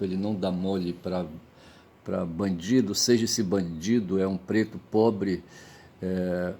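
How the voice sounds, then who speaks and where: Gravelly, low-voiced hungover man from Brazil. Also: a little mellow. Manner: halting, repeatedly checks with tag questions. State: hungover, tired. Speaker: vlogger giving commentary. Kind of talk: rambling casual monologue.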